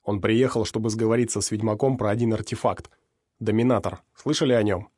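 A man voicing a furious scarred male mercenary, shouting defiantly at a crowd in an audiobook. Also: fairly low pitch, steady tone, fairly quick, dry recording, studio quality, close to an everyday voice. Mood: intense.

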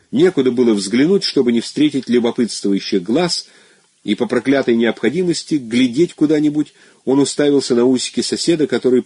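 A man narrating a literary novel in an expressive, measured storytelling manner. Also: medium pitch, husky, no room sound. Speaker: audiobook narrator.

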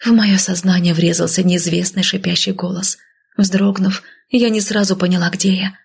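A woman narrating a first-person fantasy audiobook in a soft, hushed, intimate reading. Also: medium pitch, flat delivery, normal speed, vocal fry, breathy edge.

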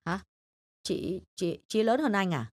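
A woman voicing a tactful, polite young daughter in an audiobook story, speaking gently and with some hesitation. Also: mid-range voice, big pitch swings, takes it slowly, dry recording, clean studio sound.

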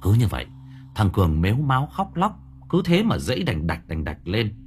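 A man's voice: lowish voice, wildly swooping pitch, normal speed, a little hiss or hum. A man narrating a horror story for an audiobook, telling it vividly and dramatically.

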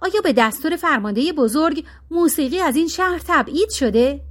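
A woman's voice: high voice, expressive, a bit bright. Woman voicing a stubborn old street musician. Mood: firm. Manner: firm, dignified. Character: stubborn poor old wandering male musician.

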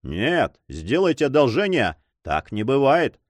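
Male narrator doing a proud buccaneer captain, short-tempered, dry close sound, lively delivery. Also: medium pitch, no room sound. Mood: scornful. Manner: proud, quick to anger.

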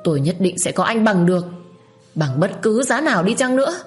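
A woman voicing a heartbroken young woman who screams her vow of revenge in a raised, higher voice. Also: very animated, fairly quick, faint music behind, lightly acted. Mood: anguished.

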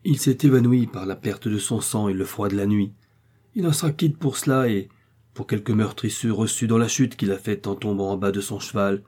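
A man playing a calm, sententious village doctor who explains slowly and deliberately. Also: on the low side, close to an everyday voice. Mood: explaining.

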